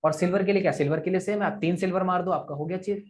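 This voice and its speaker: A man's voice: high voice, steady tone, racing. A man who trains affiliate marketers, coaching trainees through sales targets and repeating figures aloud in a live online session over a video call.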